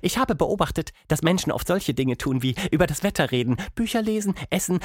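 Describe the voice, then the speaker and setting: A man voicing a boisterous male monster in a children's story, who calls out in grand, drawn-out announcements like a circus showman. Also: a little high, expressive, dry recording, studio quality, pitched above the performer's own voice. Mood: explaining eagerly.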